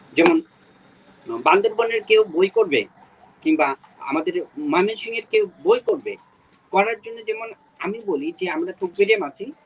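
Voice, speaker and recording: Brief: Garo-native man from Bangladesh, webinar panelist, raised pitch, husky, urging, filler-heavy. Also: poor audio. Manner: urging, with frequent hesitant fillers. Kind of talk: earnest webinar talk. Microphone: video call.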